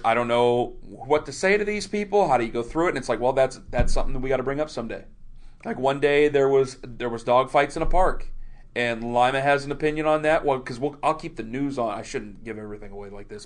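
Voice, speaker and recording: A man, a sports radio host, telling stories in a loose, rambling way full of quick asides during a casual interview. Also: medium pitch. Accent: Ohio.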